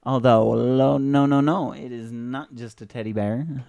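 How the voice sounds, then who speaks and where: A man's voice: mid-range voice, steady tone, a little slow, gravelly, dark tone, dry recording, lo-fi sound, faint music behind. Joking young man commenting on old ads. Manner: sarcastic, joking, chatty with many fillers. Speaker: video host.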